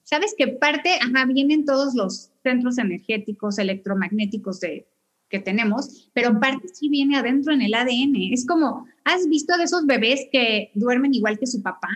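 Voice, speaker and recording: A woman's voice: fairly high pitch, animated, normal speed. A woman, a guest who explains family constellations with homely analogies. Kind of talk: casual explanatory chat.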